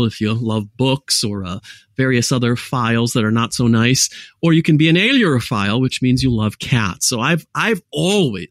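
A man's voice: medium pitch, dry recording, clean studio sound. A man with a mixed American accent, a guest telling rambling, jokey stories in a casual interview. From United States.

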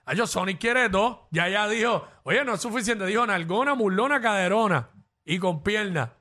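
Animated, high-pitched Puerto Rican male radio host. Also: normal speed. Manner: playful, teasing. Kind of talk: casual call-in radio banter.

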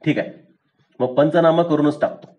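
A man's voice: on the high side, normal speed, dull audio, lightly acted. A man voicing a lazy but shrewd small-town police constable, offhand and bossy.

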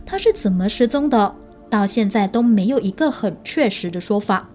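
A woman's voice: mid-range voice, animated, normal speed, a little mellow, faint music behind. A woman hosting a true crime show, narrating in a suspenseful, conversational storytelling way and speaking directly to listeners.

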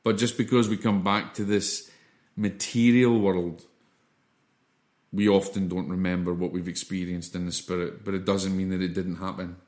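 A man with a fairly low voice speaks as a spiritual teacher in an informal lesson. He explains things earnestly and reassuringly. His delivery is halting, often repeating a word before he carries on. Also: flat delivery, darkish tone.

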